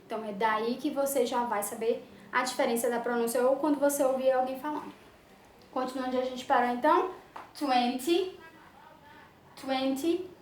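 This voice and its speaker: A woman English teacher giving a slow, patient lesson, drawing out her explanations. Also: high voice, fairly even intonation, a little mellow, slight background noise. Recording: echoey room with faint ambience.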